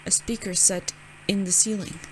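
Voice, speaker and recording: A woman's voice: medium pitch, steady tone, normal speed, slight background noise. A young woman reading a visual novel aloud, casual and giggly, stumbling over words with side comments. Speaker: gaming channel host.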